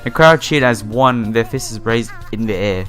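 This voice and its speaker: In an unhurried, mid-range voice with a fairly bright tone, a let's player reads through a visual novel, mixing in casual remarks and stumbling over certain words. Game music can be heard behind him.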